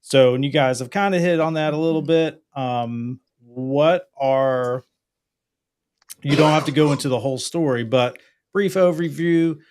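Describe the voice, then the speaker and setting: A man's voice: on the high side, unhurried, darkish tone. A man co-hosting a casual livestream. He talks enthusiastically and rambles, often restarting his sentences. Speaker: co-host.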